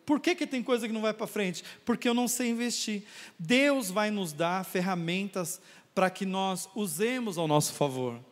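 A man's voice: high voice, normal speed. A man preaching a sermon as pastor, calling on the congregation to raise their hands and answer back. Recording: long reverb of a church hall.

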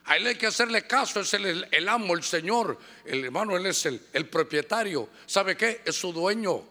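Animated high-voiced Honduran pastor preaching. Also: male voice, normal speed. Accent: Honduran Spanish. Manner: animated preaching, acting out church members' voices. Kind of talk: sermon. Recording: long hall reverb.

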